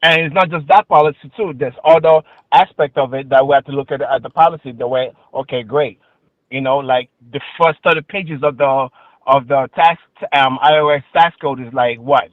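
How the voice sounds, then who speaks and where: A man's voice: medium pitch, no echo. Phone-line man with a Queens accent. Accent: Queens New York. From Queens, New York. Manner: halting, repetitive, slangy filler phrases. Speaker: caller. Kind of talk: casual political debate. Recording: tinny phone-like call audio.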